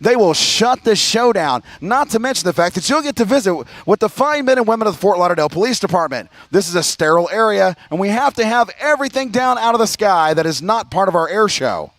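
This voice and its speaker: An American man doing airshow commentary as the announcer, addressing a crowd in a showman's style with drawn-out emphasis. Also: high voice, expressive, a bit bright, dry recording.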